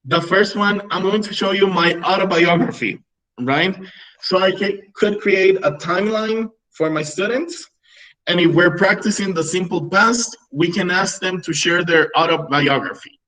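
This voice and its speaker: A man's voice: sits high, moderate pace, pushed and bright, low-quality recording. A man in his thirties presenting a webinar for English teachers, explaining classroom tools with frequent "right?" check-ins. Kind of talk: online teacher-training webinar.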